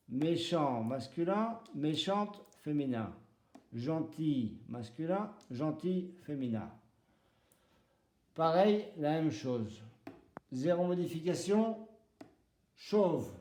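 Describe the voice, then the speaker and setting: A man's voice: on the high side, mellow. A man teaching a French lesson from home, repeating example words and spelling out pronunciation rules, switching between French and Basque. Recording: roomy echo.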